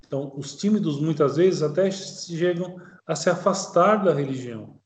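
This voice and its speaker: Man preaching in an echoey room. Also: a little high. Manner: alternates slow solemn reading with quick conversational commentary. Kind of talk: sermon commenting on a read text.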